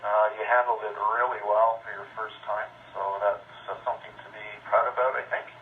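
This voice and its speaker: A man checking in on an amateur radio net, talking casually in a halting way with many fillers. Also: lowish voice, flat delivery, a little hiss or hum. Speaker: net participant. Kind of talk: casual ham radio chat. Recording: muffled distant radio signal.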